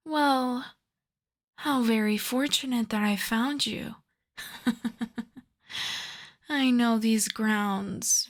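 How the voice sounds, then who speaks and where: A woman playing an ancient aristocratic vampire countess in an ASMR roleplay, soft and breathy with whispers, speaking in a refined, coy, teasing way. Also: fairly high pitch, full character voice. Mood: sweetly condescending. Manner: refined, coy, formal old-fashioned phrasing. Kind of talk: ASMR roleplay, slow intimate scripted monologue.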